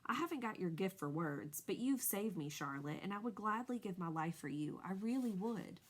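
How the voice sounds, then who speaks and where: A woman voicing a young male pig who is earnest and easily panicked, reading a storybook aloud with a high, pleading tone. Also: animated, normal speed, close to an everyday voice.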